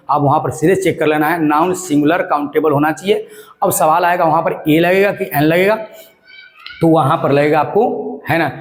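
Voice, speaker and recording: Emphatic male grammar teacher, higher voice. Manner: emphatic, asks and answers his own questions; repeats phrases and spells letters aloud. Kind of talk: classroom-style lesson.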